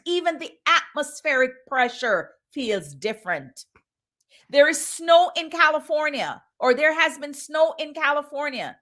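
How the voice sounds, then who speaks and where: A woman's voice: sits high, bright, forceful tone. A woman in her fifties giving an urgent motivational sermon as a minister, repeating phrases for emphasis. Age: 50s.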